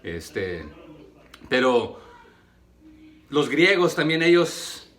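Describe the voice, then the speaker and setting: Un hombre que predica un sermón en español latinoamericano y le hace preguntas a la congregación. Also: male voice, mid-range voice, very animated, drawn-out words, fairly bright tone. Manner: rhetorical questions to the congregation, many fillers. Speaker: preacher. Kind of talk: sermon.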